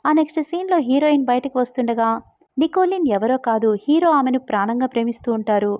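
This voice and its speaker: This woman narrates a romance drama recap, telling the story and performing the characters' dialogue. Her voice sits high and her pace is quick. There's no echo, and the audio has a dry, tinny, phone-like quality.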